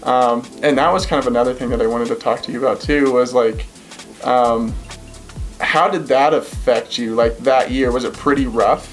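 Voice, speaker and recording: A man's voice: mid-range voice, fairly even intonation, normal speed, faint music behind. A man in his twenties hosting a casual podcast interview, chatty and full of fillers. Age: 20s. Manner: chatty, many fillers like "like" and "yeah". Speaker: podcast host.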